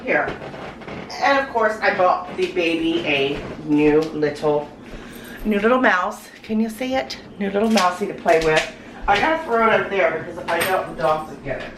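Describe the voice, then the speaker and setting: A cooking vlogger with a low, hoarse voice from a cold chats casually to the camera in her home kitchen. She's animated and talks at a normal pace, rambling in a folksy way with lots of ums. The home recording is noisy.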